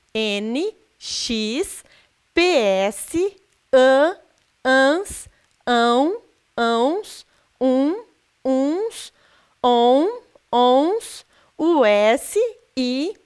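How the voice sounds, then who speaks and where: A woman's voice: sits high, smooth. A Brazilian woman teaching a recorded lesson to sixth graders, patiently questioning the class and stressing syllables. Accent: Brazilian Portuguese.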